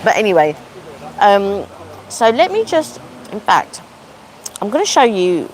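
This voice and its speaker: A woman's voice: medium pitch, big pitch swings, a little slow, a little hiss or hum. A woman, chatting casually on a live stream while eating, rambling from one thing to the next. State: sore throat, coming down with a cold. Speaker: livestream vlogger. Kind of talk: casual live chat with viewers. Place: outdoor seating at a shopping outlet. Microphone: phone livestream.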